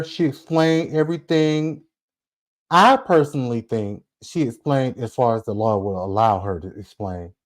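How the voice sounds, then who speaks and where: A man's voice: on the high side, darkish tone. A forty-year-old man giving casual commentary on a vlog, chatty and full of asides, talking straight to his viewers. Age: 40s. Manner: chatty, talks straight to viewers, frequent asides and rhetorical "okay?". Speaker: celebrity gossip vlogger.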